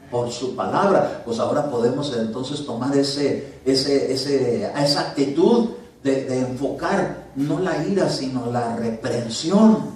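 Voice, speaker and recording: A male pastor preaching a conversational sermon in a church, swinging from loud commands to soft asides. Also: medium pitch. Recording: very echoey church hall from a distance.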